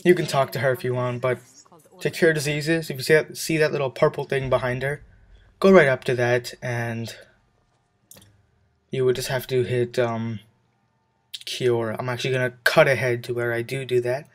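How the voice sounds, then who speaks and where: A young man out of breath, giving casual, rambling gameplay commentary with lots of fillers and self-corrections. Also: mid-range voice.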